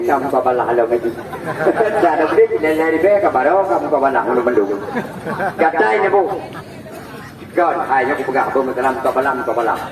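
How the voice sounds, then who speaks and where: A man with an Acehnese accent gives a joking, bantering sales pitch as a street medicine seller outdoors. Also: a little mellow. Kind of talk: comic open-air sales pitch. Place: outdoors in a town square. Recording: distant, echoey, noisy outdoor recording.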